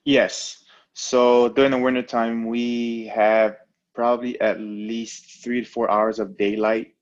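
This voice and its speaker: On a remote call, a young professional fighter from American Samoa talks as a guest in a casual interview, laid-back and hesitant with many fillers and restarts. His voice is medium-pitched and flat, slow, with lo-fi sound.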